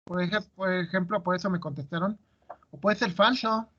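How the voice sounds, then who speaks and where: Male teacher, high voice, quizzing his students, muffled audio. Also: moderate pace, a bit bright. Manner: asks students questions, explains step by step. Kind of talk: classroom lecture.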